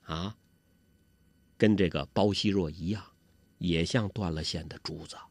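A man's voice: sits low, unhurried, no echo. A male storyteller narrating a martial-arts novel in a dramatic, rhythmic, colloquial way.

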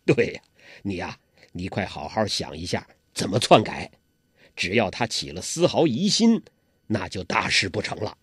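A man's voice: sits low, sing-song, normal speed, fairly bright tone, breathy edge, no echo, studio quality, voice pushed down, heavily acted. A man voicing an old male beggar martial arts master with coarse, scolding, chuckling speech. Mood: gruff, scheming.

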